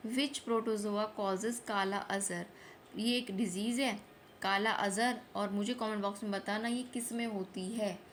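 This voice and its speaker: A woman teacher running a quick exam revision lesson, asking each question and repeating the answer so it sticks. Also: medium pitch, a little hiss or hum. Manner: repeats each answer, mixes Hindi with English terms. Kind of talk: fast quiz-style revision lesson.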